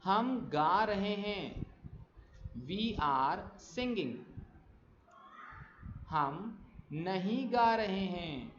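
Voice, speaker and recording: A man teaching spoken English, reading example sentences slowly and clearly with quick explanations in between. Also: high-pitched, expressive, fairly bright tone, a little hiss or hum. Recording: echoey, dull lo-fi room sound.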